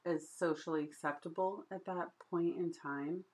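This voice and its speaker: A woman with a notably low voice co-hosts a relaxed podcast chat. She talks in a playful, giggly way, full of "like" and "you know". She laughs easily. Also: moderate pace, rough recording. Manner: giggly, playful, chatty with many fillers. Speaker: podcast co-host. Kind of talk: casual chat.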